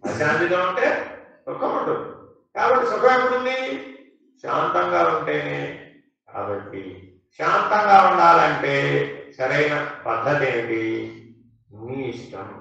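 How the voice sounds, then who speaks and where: A man's voice: fairly high pitch, bright, forceful tone. A male spiritual teacher giving a satsang talk with a Telugu accent, asking his listeners the same questions again and again to coax answers. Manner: asks the audience questions again and again, coaxing. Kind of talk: satsang discourse to an audience. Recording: roomy, distant, dull hall recording.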